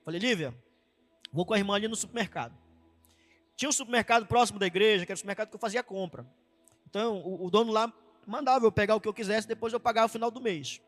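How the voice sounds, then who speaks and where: A man's voice: sits high, very fast, a bit bright, soft background music. A middle-aged man, a pastor telling a testimony in a sermon and acting out the dialogue with fervent exclamations. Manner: storytelling preacher, acts out dialogue with fervent exclamations.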